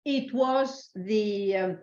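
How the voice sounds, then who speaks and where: Responding to an interviewer as a senior guest, an elderly woman whose first language is Swedish chooses her words slowly and thoughtfully, pausing as she goes. She has a mid-range, somewhat dark voice, heard through a dull, lo-fi recording with roomy echo.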